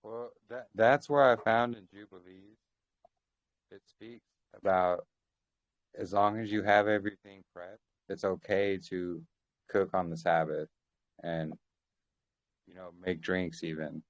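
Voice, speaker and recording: A man with a low voice and steady tone speaks at a measured pace, pausing often, in a dry recording. He is a member of a Bible study group in a casual discussion over a thin, fading call line, explaining points at length, quoting scripture and restarting his phrases. The call audio sounds dull, dry and lo-fi.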